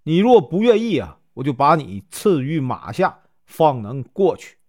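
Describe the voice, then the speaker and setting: A man's voice: a little high, very animated, unhurried, a little mellow. A man doing a furious old general father. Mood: angry scolding. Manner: scolding, indignant.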